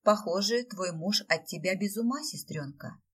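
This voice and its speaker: A woman's voice: medium pitch, lively intonation, normal speed, husky. A woman voicing a young princess, an elder sister who sounds imperious, heard from a slightly distant mic. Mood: gentle.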